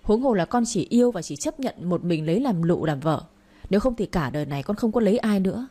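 A woman's voice: medium pitch, animated, fast talker, warm tone, lightly acted. A woman reading the part of a stubborn young man, a village doctor, insisting and pleading with his father. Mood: insistent.

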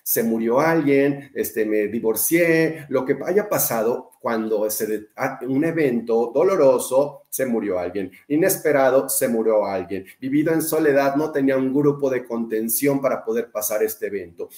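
A man's voice: medium pitch, moderate pace, hardly any pauses, a little mellow, roomy sound. A man with a Mexican accent giving a talk, emphatic, listing phrases in repeated runs and asking and answering his own questions. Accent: Mexican Spanish. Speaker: biodecoding speaker. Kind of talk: talk to an online audience.

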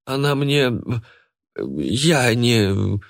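A man's voice: medium pitch, very animated, very slow, gravelly, no room sound, clean studio sound, voice pushed up, heavily acted. A man voicing a flustered young man who stammers in alarm. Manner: startled, stammering.

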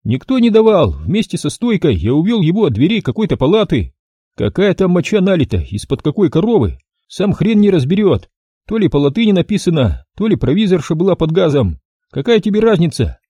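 A man voicing a brash, crude prankster sidekick who jokes loudly and mockingly in an audiobook. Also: high-pitched, big pitch swings, fairly quick, slightly rough, no echo, clean studio sound, pitched above the performer's own voice, full character voice. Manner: mocking, cheeky, loud.

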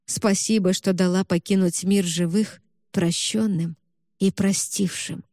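A woman voicing a gentle young male ghost saying farewell, softly and tenderly. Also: medium pitch, fairly even intonation, unhurried, no room sound, studio quality, close to an everyday voice.

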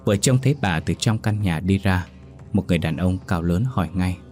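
A man reading a ghost story aloud in a steady, measured storytelling manner. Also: low voice, soft background music. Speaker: narrator. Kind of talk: scripted ghost story narration.

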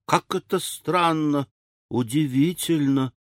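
A male audiobook reader voicing a fussy, anxious older widow who talks in a shrill, excitable way. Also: measured pace, dry recording, clean studio sound. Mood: complaining. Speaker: audiobook character. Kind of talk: audiobook character reading.

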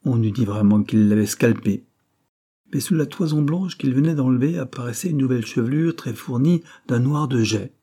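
A man narrating a novel aloud in a steady, measured reading. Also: mid-range voice, breathy edge. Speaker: audiobook reader. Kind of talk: storybook narration.

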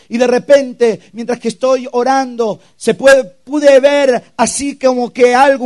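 A man's voice: very high voice, a little mellow. A young man preaching a personal testimony at a youth camp, telling his story with emotion and acted-out sound effects. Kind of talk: testimony sermon.

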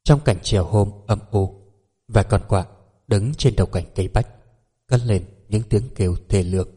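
Mellow low-voiced male narrator. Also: moderate pace, breathy edge. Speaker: audiobook narrator. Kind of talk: scripted narration.

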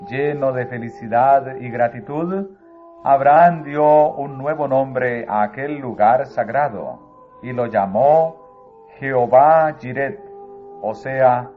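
A man reading a religious book aloud as narrator, in a solemn, measured way. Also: mid-range voice. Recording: phone-like narrow sound, faint music.

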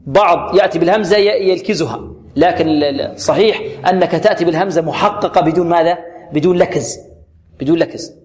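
A high-pitched man teaching a Quran recitation class. He models words slowly and carefully, drawing each sound out. He keeps quizzing his students and supplying the answers himself. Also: darkish tone. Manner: asks the class questions and answers them himself; repeats words slowly to demonstrate pronunciation. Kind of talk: tajweed lesson with slow modeled recitation.

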